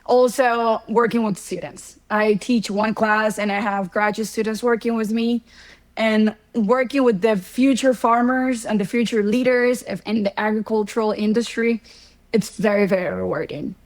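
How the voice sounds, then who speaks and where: A middle-aged woman from Ecuador speaks as an interview guest. Her voice sits a little high, and she explains things patiently, working through examples. Her answers are conversational, with ordinary pauses and fillers. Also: fairly even intonation, rough recording. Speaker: guest, horticulture economics professor.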